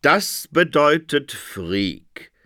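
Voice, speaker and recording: Male reader playing a pompous court dream interpreter, slow prophetic declaiming, high lively voice. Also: no echo, clean studio sound, heavily acted.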